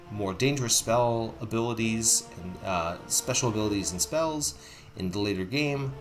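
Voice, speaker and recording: A man's voice: on the low side, fairly bright tone. A man hosting a casual game playthrough, thinking aloud in a rambling way over music. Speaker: gaming video host.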